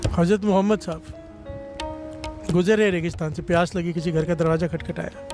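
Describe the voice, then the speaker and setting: A man's voice: high voice, steady tone, brisk, darkish tone, soft background music. A man preaching a devotional sermon, fervently leading the congregation in call-and-response and sometimes slipping into sung phrases.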